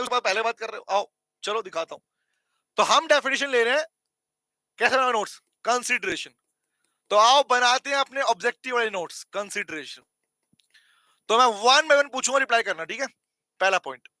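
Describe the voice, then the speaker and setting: Indian male lecturer, very high and bright voice, dry close mic, keeps asking students to reply. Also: no room sound. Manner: addresses students as beta, asks for replies, repeats points; mixes English terms into Hindi. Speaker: teacher. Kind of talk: online commerce law lecture.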